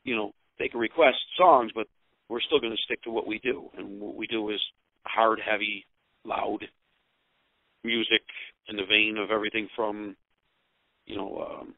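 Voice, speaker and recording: An American man speaking over the phone as a musician giving casual interview answers, rambling and pausing often. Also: fairly low pitch, fairly even intonation, no echo. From Utica, New York, United States. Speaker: rock band musician and songwriter being interviewed. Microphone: telephone. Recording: dull, narrow-band phone line.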